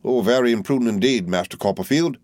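Reading aloud, a man voices a fawning, falsely humble young male clerk whose manner is wheedling and obsequious. His voice is medium in pitch, slightly mellow and quick, set above his own natural voice yet close to everyday speech. The audio is clean studio sound without echo.

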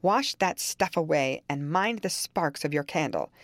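A woman voicing a cruel, domineering man who snarls his orders loudly, in a storybook reading. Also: sits low, animated, measured pace, dry recording. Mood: raging. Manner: loud and snarling.

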